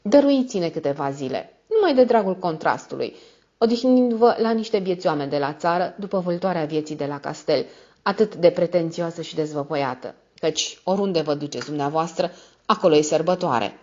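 A woman narrating a classic novel as an audiobook, in a measured storytelling manner. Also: on the low side, animated, mellow, lo-fi sound. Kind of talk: scripted narration.

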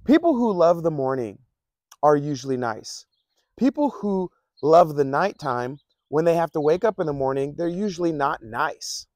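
A man's voice: a little high, sing-song, normal speed, a little mellow, no echo. A man preaching a casual, conversational sermon, often repeating himself and chuckling between points. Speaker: pastor.

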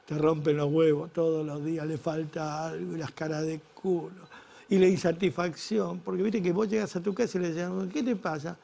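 Gravelly Argentine stand-up comic. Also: male voice, on the high side, flat delivery, normal speed, warm tone. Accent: Argentine Rioplatense Spanish. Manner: crude, exasperated storytelling. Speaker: stand-up comedian. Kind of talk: stand-up comedy monologue.

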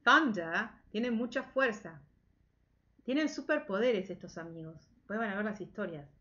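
A woman teacher runs a slow, patient English lesson for children from her home, repeating each phrase again and again and switching back and forth between English and Spanish. Her bright voice swings widely in pitch. The sound is dull and lo-fi, like a webcam or phone mic. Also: animated.

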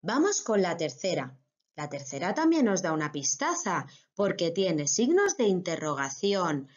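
Patient Spanish teacher explaining to kids. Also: female voice, lowish voice, lo-fi sound. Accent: Spain Spanish. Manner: patient, explains step by step to children. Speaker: primary school teacher. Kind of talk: recorded online grammar lesson.

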